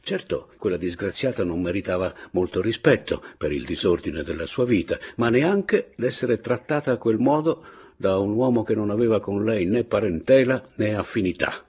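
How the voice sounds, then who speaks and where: A man reading a classic novel aloud in a measured, expressive narrating voice. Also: on the low side, slightly rough. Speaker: audiobook narrator. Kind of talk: literary audiobook narration.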